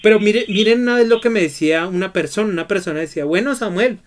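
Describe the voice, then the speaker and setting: A man's voice: high-pitched, rapid-fire. Male Bible teacher quizzing his students. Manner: asks students questions and prompts their answers. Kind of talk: Bible study lesson.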